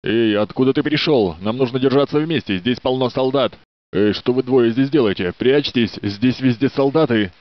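Speaking at a moderate pace in a medium pitch close to his everyday voice, an actor delivers Russian game dub lines as a research facility security guard. The character is polite and dutiful, friendly, courteous, and a little flirtatious. The sound is a dry, dull studio dub.

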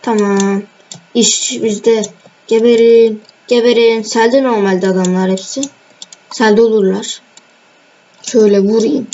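Teasing her opponents and talking straight to her audience, a young gaming host casually narrates her play in a high-ish, mellow, steady voice, slow and with frequent pauses. The sound comes from a dull, lo-fi screen-recording home mic with faint noise.

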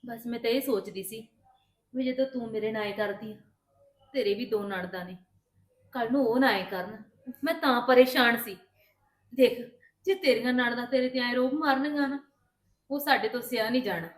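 Patient daughter-in-law played by a woman, Punjabi accent, high voice, calm and reassuring, echoey room. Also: moderate pace, pauses often, lightly acted. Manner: calm, reassuring, explaining at length. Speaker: daughter-in-law in a family drama. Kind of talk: scripted family drama acting.

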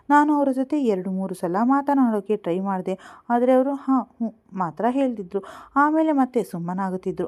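A woman tells a scripted story in the first person at a calm, steady pace. Her voice is mellow and warm, sitting at a middle pitch.

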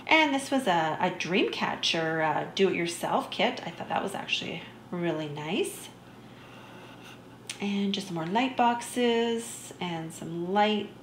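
A woman's voice: fairly low pitch, animated, slow. Woman, casual vlog narration, easygoing and enthusiastic, echoey room, faint background hum. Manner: chatty, easygoing, enthusiastic about small finds. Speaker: vlogger. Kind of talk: shop-with-me voice-over narration.

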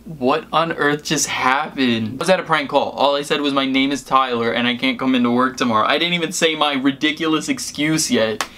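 A young American man, a prank-call vlogger, chats casually and hesitantly to camera and on the phone, rambling and using "like" constantly. His medium-pitched voice is bright and forceful, a little fast, with hardly any pauses.

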